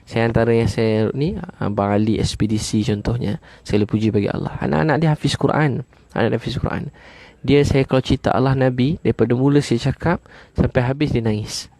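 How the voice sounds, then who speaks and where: A man preaching with a Malaysian Malay accent and a gravelly, fry-tinged voice. He drives each point home by repeating it, with frequent "ha" fillers and slow chanted prayers. The recording is dry and close, with no room echo. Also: medium pitch, mellow. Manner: chants Arabic prayers slowly. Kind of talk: sermon.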